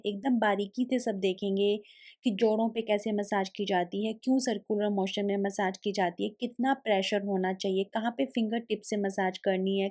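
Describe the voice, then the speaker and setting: A woman's voice: medium pitch, darkish tone. A young woman, a new mother, narrating her family vlog in a chatty, step-by-step way. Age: young adult. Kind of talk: casual voice-over narration.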